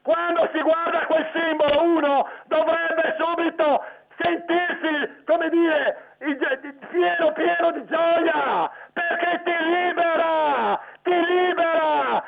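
A woman with a northern Italian Veneto accent phoning in her opinion, emphatic and repetitive, with halting phrasing. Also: extremely high pitch, gravelly. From Veneto, Italy. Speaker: phone-in listener. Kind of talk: spontaneous phone-in opinion. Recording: tinny phone line with crowd murmur.

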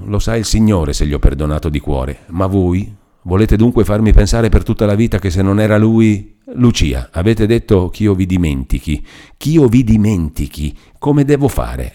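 A man's voice: deep voice, normal speed, darkish tone, lightly acted. A man voicing an impassioned young man. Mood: reproachful. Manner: impassioned, reproachful. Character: passionate young man, hurt and stubborn.

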